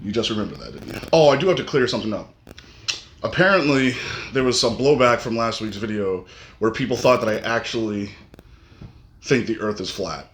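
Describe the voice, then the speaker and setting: A man co-hosting a gym podcast in casual chat, joking in a deadpan way. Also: fairly low pitch, fairly quick. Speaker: podcast co-host. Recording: echoey room, faint background noise.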